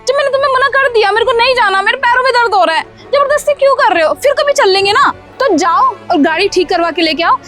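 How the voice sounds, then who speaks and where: A sharp-tongued young wife in a cartoon story, voiced by a woman, scolding and brushing off every request. Her voice sits very high, and soft music hums in the background. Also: expressive, quick pace, hardly any pauses, exaggerated voice. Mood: irritated. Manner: scolding, dismissive, full of excuses. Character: scheming young wife, bossy and evasive. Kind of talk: Hindi cartoon story dubbing.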